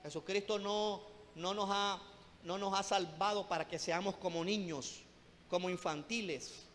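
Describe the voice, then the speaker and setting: A man's voice: high-pitched, steady tone, unhurried, fairly bright tone, a little hiss or hum. A man preaching a sermon, fervent and direct, who keeps addressing his listeners as brothers and peppers his talk with rhetorical questions. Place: church hall. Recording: long hall reverb with music behind.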